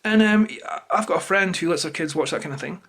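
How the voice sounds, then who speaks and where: Speaking quickly in a high-pitched, fairly bright voice, a Scottish man who has a toddler goes on an irritated, opinionated, unscripted rant for his YouTube channel, swearing a lot and rambling. The camera is held or set close to him.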